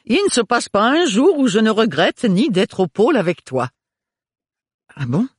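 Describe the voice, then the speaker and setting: A man playing a spoiled young woman whose voice shoots up high and stretches slowly into whines. Her shrill tone stays lively and dramatic, on a husky, dry storybook reading. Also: no room sound, exaggerated voice. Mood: whiny.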